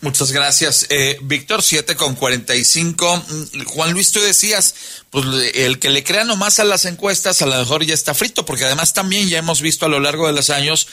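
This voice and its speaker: Bright-voiced Mexican man hosting a panel. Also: a little high, moderate pace, a little hiss or hum. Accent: Mexican Spanish. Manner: chatty, full of fillers and wordy asides. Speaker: radio panel host. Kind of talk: radio political panel discussion.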